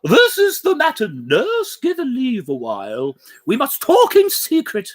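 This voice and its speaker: A woman voicing a composed noble mother who speaks in a measured, formal and persuasive way, in a theatrical play reading. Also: sits high, wildly swooping pitch, full character voice. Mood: commanding.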